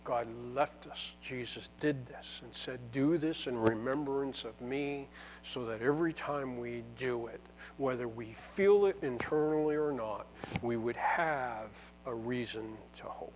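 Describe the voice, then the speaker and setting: A man preaching a sermon, building to fervent, emphatic repetitions before dropping back to a quiet close. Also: mid-range voice, unhurried, slight background noise, poor audio. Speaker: pastor. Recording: music playing underneath.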